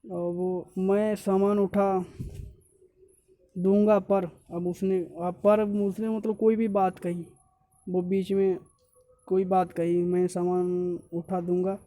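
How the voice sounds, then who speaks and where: A man's voice: sits high, level tone, takes it slowly, mellow. A male teacher giving an exam-prep grammar lesson, repeating points and correcting himself often as he explains step by step.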